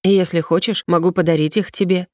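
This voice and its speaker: A woman's voice: lowish voice, steady tone, fast talker, no room sound, clean studio sound, close to an everyday voice. A woman reading a kind young prince. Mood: gentle. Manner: gentle and reassuring.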